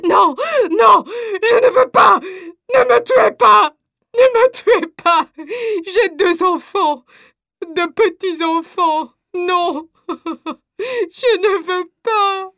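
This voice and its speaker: A woman's voice: sits high, takes it slowly, no echo, clean studio sound. A woman playing a frantic, sobbing mother. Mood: sobbing, screaming. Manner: pleading, screaming, sobbing. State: crying. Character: desperate mother, pleading for her children.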